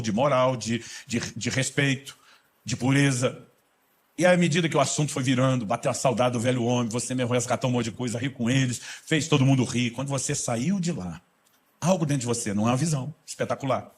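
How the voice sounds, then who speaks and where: A middle-aged man preaching a sermon as a pastor, acting out dialogue with rising emphasis and a husky voice. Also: medium pitch.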